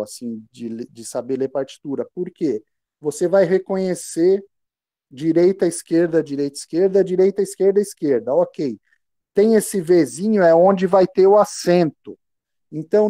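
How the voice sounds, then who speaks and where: A man's voice: sits high, mellow, dry recording, clean studio sound. A man with a Brazilian Portuguese accent teaching percussion online, explaining patiently and chanting rhythm syllables aloud. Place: home room.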